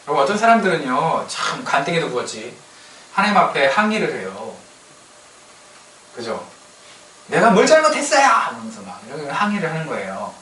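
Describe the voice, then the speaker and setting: A man preaches a lively sermon, his bright, forceful voice coming through from some distance. The hall around him rings with echo, and a faint room noise sits underneath. He keeps putting questions to the congregation as he goes. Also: medium pitch, a little fast, long pauses. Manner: animated, asks the congregation questions and acts out quoted complaints. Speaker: pastor.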